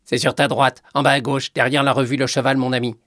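A man's voice: mid-range voice, level tone, fast, fairly bright tone, no room sound, clean studio sound, voice pushed up, natural voice. Brief: a man doing a cold old kiosk witch for a storybook, grating, clipped, icy. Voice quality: dull, grating voice. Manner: icy, curt.

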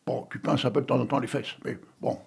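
Gravelly older man hosting poetry readings. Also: mid-range voice, fairly even intonation, a little fast. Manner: chatty, joking, digressive, coughing now and then. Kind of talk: casual chat and poetry reading.

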